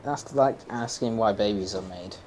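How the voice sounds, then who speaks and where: A man's voice: fairly low pitch, moderate pace, darkish tone, slight background noise. A young man chatting casually while playing a game, rambling, opinionated and laughing often. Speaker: gaming streamer.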